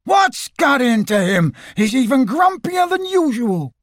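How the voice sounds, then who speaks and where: A man's voice: very high voice, very animated, measured pace, dry recording, studio quality, voice pushed up, exaggerated voice. A man voicing a bouncy male tiger who grumbles indignantly.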